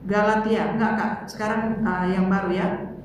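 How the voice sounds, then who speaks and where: A woman's voice: mid-range voice, fairly even intonation, normal speed. Lady teacher leading youth bible study, sounds far off in a very echoey room. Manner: conversational, calls on students to read. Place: church room. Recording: echoey room, mic far off, faint noise.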